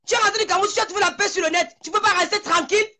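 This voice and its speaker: A woman's voice: extremely high pitch, steady tone, very fast, pushed and bright. A woman host on a live stream, scolding and confronting her critics in an angry rant.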